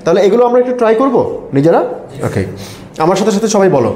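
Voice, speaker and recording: High, lively Bangladeshi teacher in an echoey classroom. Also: male voice, very fast, a little hiss or hum. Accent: Bangladeshi Bengali. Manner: quizzing, has the class repeat words after him. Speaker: English pronunciation teacher. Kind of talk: live classroom lesson. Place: classroom with students.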